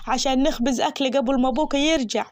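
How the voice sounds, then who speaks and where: A woman's voice: high-pitched, fast talker, dry recording, studio quality, lightly acted. A woman with an Egyptian accent voicing a stern, bossy village mother who scolds her daughter. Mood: scolding. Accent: Egyptian Arabic.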